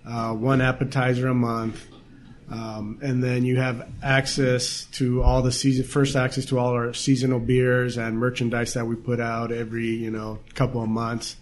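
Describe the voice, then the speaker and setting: In a small restaurant, a man who runs a restaurant and brewery gives a casual interview in a medium-pitched, monotone voice at normal speed. He talks proudly about what he serves, explaining the details at length.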